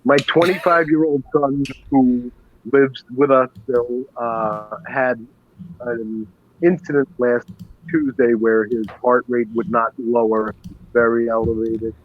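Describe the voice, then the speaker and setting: A man's voice: medium pitch, slow pace. A man in his fifties, a show producer, chatting casually on a podcast and rambling through stories. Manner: rambling, animated storyteller. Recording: dull lo-fi sound.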